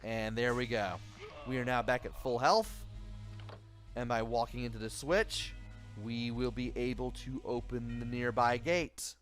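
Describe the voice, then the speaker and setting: Tired male let's play host, low-key commentary with faint game music under it. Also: fairly even intonation, a little slow, fairly bright tone. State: tired, late at night. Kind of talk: gameplay commentary.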